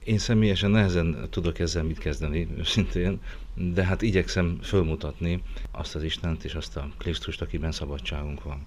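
A man, a pastor, speaking slowly and deliberately in a reflective interview. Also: sits low, darkish tone, a little hiss or hum.

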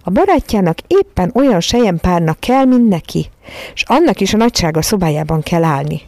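A woman voicing a calm, matter-of-fact young nanny in a storybook reading. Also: lowish voice, no echo, clean studio sound.

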